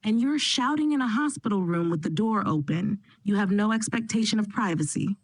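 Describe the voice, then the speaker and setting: A woman voicing a calm, sharp female attorney who speaks precisely. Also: medium pitch, fairly quick, no echo, close to an everyday voice.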